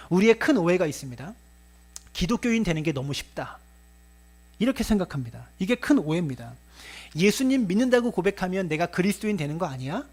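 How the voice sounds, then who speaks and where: Lively Korean pastor preaching a sermon. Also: male voice, high voice, slightly rough. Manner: lively preaching, acting out quoted voices of master and servants. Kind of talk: Sunday sermon.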